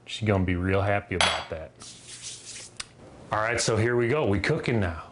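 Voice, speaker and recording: A man's voice: lowish voice, normal speed, noisy background. A man with a Southern accent casually demonstrating a recipe in his kitchen, talking in a folksy, rambling way with loose grammar and plenty of filler words. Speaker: home cook demonstrating a recipe.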